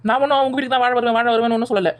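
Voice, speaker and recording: A defiant young daughter-in-law, played by a woman in a homemade village skit. She argues back at breakneck speed in a slightly high voice. She is cheeky and never lets a jab go. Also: steady tone, lightly acted. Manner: argumentative, talks back fast. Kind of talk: village family comedy skit.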